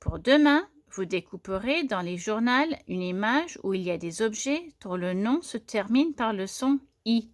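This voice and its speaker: A strict storybook schoolteacher, read by a woman, giving instructions in a firm, even way. The sound is dry and close to the mic. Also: medium pitch, measured pace, hardly any pauses, no echo, close to an everyday voice.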